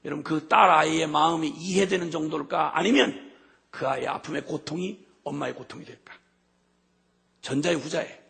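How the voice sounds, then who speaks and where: A middle-aged man preaching a sermon with passion, his voice swinging from hushed to shouting. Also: on the high side, normal speed, vocal fry, breathy edge. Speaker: missionary preacher.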